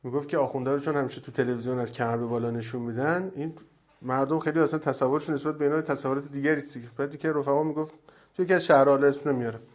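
A man giving a religious lecture, telling stories and often dropping to a soft, low voice. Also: steady tone. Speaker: cleric.

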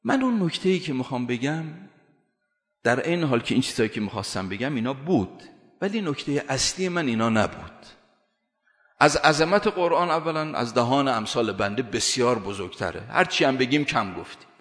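A man's voice: mid-range voice, expressive, a bit bright. A man giving a religious sermon, emphatic, hammering his points home with repeated rhetorical questions. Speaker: preacher. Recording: echoey hall reverb.

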